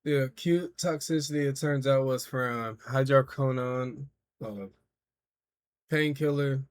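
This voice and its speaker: A man's voice: medium pitch, unhurried. Slangy man in his thirties streaming. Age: 30s. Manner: loose, slangy and profane, talking to chat. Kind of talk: casual reaction stream.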